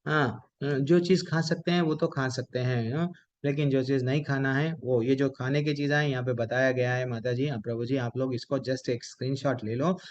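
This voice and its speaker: A man teaching a devotional class online. His voice sits at an ordinary middle pitch and comes through muffled, lo-fi call audio. He poses rhetorical questions and answers them himself. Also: steady tone, moderate pace. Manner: addresses listeners with devotional honorifics.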